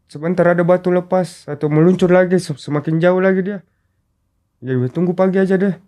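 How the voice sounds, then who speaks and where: A man's voice: high-pitched, brisk. A man recounting a mountain rescue in a casual interview, acting out quoted dialogue as he tells it. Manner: animated storyteller, acts out quoted dialogue. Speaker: rescue volunteer guest.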